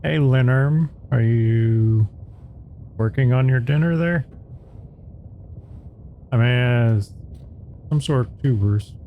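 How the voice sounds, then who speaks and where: A man chats through his game session with wry, offhand asides. His voice has a gravelly edge, and faint noise sits behind it. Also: mid-range voice, slow pace, long pauses, muffled recording. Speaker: player. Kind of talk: casual let's-play commentary.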